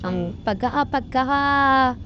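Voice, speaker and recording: Her high-pitched voice carries a Filipino accent as she vlogs an informal technical walkthrough. She explains things haltingly and repeats herself, using English technical terms along the way, over muffled lo-fi audio with background noise.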